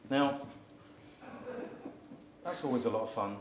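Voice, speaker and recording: A man with a mid-range voice and a measured pace delivers a short talk before a live audience, energetically directing them through exercises and at times calling out loudly. Captured from a distance in an echoing hall, the audio includes crowd noise.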